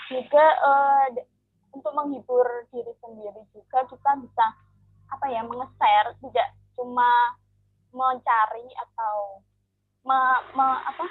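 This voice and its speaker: A woman's voice: on the high side, slightly rough, dry recording. A woman giving a hesitant presentation over a video call whose connection keeps breaking up, with many fillers and restarts. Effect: choppy, lagging video-call connection. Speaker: presenter in an online discussion. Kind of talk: informal spoken presentation. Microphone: online video call. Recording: tinny, lo-fi online call audio.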